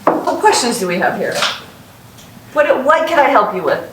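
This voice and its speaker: Sitting high and sing-song at a moderate pace, this woman's voice carries upbeat, encouraging advice for students on her casual podcast. She is the host and a company founder, recording in an echoey room of a North Las Vegas house, with roomy echo, faint hiss and a distant mic.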